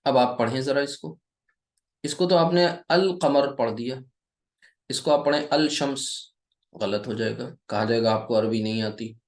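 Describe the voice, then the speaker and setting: A man's voice: mid-range voice, fairly even intonation, reverberant. A man teaching an Arabic grammar lesson in a patient classroom manner. He asks the viewer questions and answers them himself. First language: Urdu or Hindi speaker teaching Arabic. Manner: deliberate, slow delivery with many repeated checks of "okay". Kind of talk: classroom-style lesson, explaining at a board.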